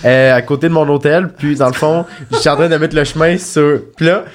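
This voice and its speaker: A man's voice: fairly high pitch, steady tone, brisk. A man from Quebec with a Québécois accent, a podcast guest telling rambling anecdotes full of fillers and slang. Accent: Québécois French.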